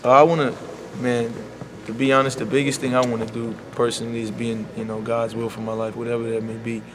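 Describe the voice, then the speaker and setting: A young man, a college basketball player speaking softly and sincerely in a media scrum, leaning on "you know.". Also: mid-range voice, little pitch movement, quick pace, crowd noise. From Bahamas. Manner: soft-spoken and heartfelt, full of "you know". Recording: loud background noise.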